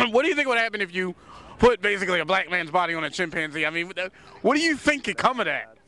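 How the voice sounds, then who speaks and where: A man hosts a loose, chatty talk show from a city park, restarting and repeating words as he goes. His voice is bright, crisp and sits somewhat high. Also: very animated, fast. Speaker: host. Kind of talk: casual outdoor talk show.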